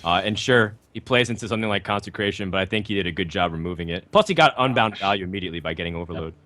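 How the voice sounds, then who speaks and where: A man's voice: low-pitched, expressive, racing, sharp tone. A man giving live card game commentary, thoughtful and analytical, with frequent ums and likes. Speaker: esports commentator.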